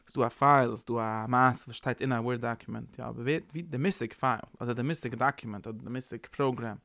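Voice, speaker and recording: Gravelly man giving a rambling sermon. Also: mid-range voice, fast talker, dry recording, clean studio sound. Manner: rambling, animated, mixing in English terms. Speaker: preacher. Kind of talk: informal Yiddish-tinged sermon.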